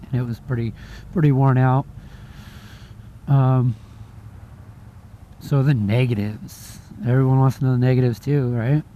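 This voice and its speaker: Guy doing a casual motovlog review inside his helmet while riding, normal pitch, lots of traffic noise. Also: mellow. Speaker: motorcycle vlogger reviewing gear. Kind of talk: casual chat, spoken review. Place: outdoors on a moving motorcycle. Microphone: mic inside a helmet. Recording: helmet mic with clear traffic and vehicle noise. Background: vehicle and road noise.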